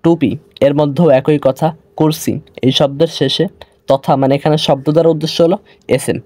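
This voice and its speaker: A man with a Bangladeshi Bengali accent teaching an online grammar lesson, slowly repeating sounds to show how they are said. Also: a little high, steady tone, darkish tone, no room sound. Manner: slow, repeats sounds to demonstrate pronunciation.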